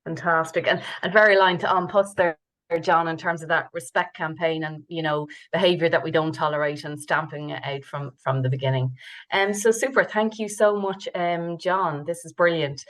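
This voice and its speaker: A woman's voice: deep voice, moderate pace. A woman hosting a webinar panel, praising guests and asking questions with many fillers. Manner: warm praise, filler-heavy, restarts. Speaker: webinar host.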